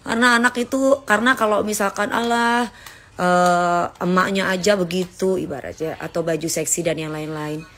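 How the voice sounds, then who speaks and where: A woman's voice: lowish voice, moderate pace, a bit bright. Chatty woman on a phone livestream. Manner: chatty, calls viewers "say" and "guys", lecturing tone. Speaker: livestream host reading viewer comments. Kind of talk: casual livestream chat, teaching her son. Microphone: phone held for a livestream.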